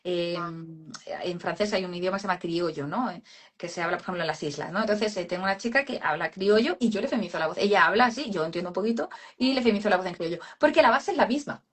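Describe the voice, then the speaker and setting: A woman's voice: on the low side, fast. A woman speech therapist explaining voice work in a casual live chat, calling people "cariño". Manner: explanatory, addresses listener as cariño.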